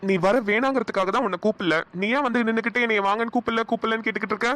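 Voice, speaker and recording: A kindly older man from a cartoon, a gentle family elder who soothes his relatives, as a woman puts him on. He talks fast, and the voice sits a little high for a man. He stays calm and caring. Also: slight background noise, lightly acted. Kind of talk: cartoon voice acting.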